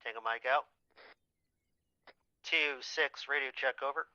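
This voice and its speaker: A man's voice: medium pitch, slow pace, bright, forceful tone, dry recording. A man making clipped radio procedure calls, heard over an in-game radio with static bursts. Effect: in-game radio transmission with static bursts. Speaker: squad radio operator in a military sim game. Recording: muffled radio-band audio.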